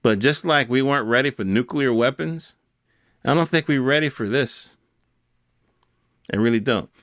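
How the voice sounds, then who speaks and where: A podcast host, an American man, speaks at a moderate pace in a slightly bright mid-range voice. His unscripted, colloquial opinion monologue is full of rhetorical questions and impressions of imagined speakers, captured as clean studio sound without echo.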